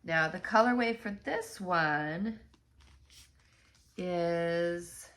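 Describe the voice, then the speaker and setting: A woman's voice: lowish voice, drawn-out words, a bit bright. A middle-aged woman with a stuffy, nasal voice, chatting casually to viewers as host of a knitting channel, rambling with many ums and restarts. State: stuffy, nasal from blocked sinuses.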